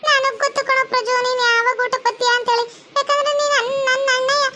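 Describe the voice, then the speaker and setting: A woman's voice: extremely high pitch, steady tone, quick pace, noisy background. A woman voicing a sly, bossy young sister-in-law who schemes and threatens, with a North Karnataka Kannada accent.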